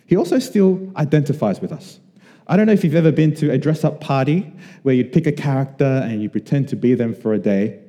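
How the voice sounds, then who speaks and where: A man from Australia preaching a sermon to a congregation, earnest and conversational with emphatic pauses. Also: medium pitch, animated, mellow, in a large hall. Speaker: pastor.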